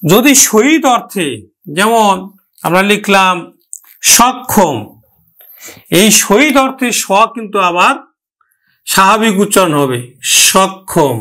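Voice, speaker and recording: Male teacher with a high voice, patient and step-by-step, who drills example words through repetition. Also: animated, sharp tone. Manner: explains slowly, repeats example words. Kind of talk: pronunciation lesson.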